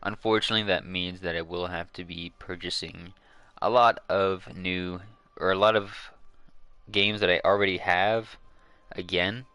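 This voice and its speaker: A man's voice: low-pitched, fairly even intonation, measured pace, sharp tone, clean tone, no room sound. A man chatting casually to his viewers while waiting on a live stream, rambling with lots of fillers and restarts, hiccuping now and then.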